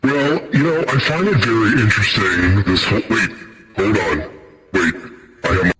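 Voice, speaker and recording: A man talking through a voice changer that drops his voice low, halting and stopping himself mid-sentence as a caller in a live discussion. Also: pushed and bright, husky, full character voice. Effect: voice changer lowering the voice.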